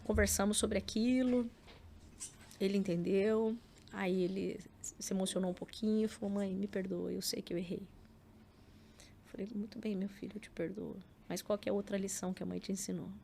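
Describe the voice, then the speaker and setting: A woman's voice: medium pitch, fairly even intonation, brisk, vocal fry, mellow, a little hiss or hum. A middle-aged Brazilian woman with a Brazilian Portuguese accent, a podcast guest telling a personal story in casual interview chat, acting out quoted lines. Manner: storytelling with acted quotes and frequent filler words.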